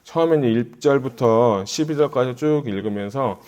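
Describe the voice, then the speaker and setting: A man's voice: mid-range voice, moderate pace, a little mellow, dull audio. Man preaching a conversational sermon. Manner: conversational, thinks aloud, grows urgent when exhorting. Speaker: pastor. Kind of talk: sermon, Bible exposition.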